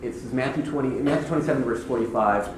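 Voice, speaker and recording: A man giving devotional teaching on hymn lyrics. He talks in a conversational way and reads scripture slowly. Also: mid-range voice. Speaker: Bible teacher. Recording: echoey room, faint background noise.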